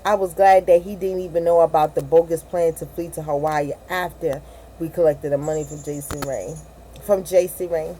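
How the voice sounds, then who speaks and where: A woman's voice: low voice, steady tone, normal speed, dark tone, a little hiss or hum, rough recording. A woman reading a novel aloud in an amateur audiobook style, often stumbling, correcting herself and adding asides. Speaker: reader of a novel.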